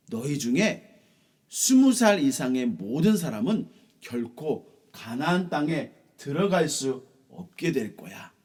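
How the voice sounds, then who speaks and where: A man's voice: a little high, darkish tone, breathy edge, exaggerated voice. Fields: Voice: a man doing Moses. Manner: earnest, imploring. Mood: stern, judging. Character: pleading prophet Moses, earnest leader begging forgiveness.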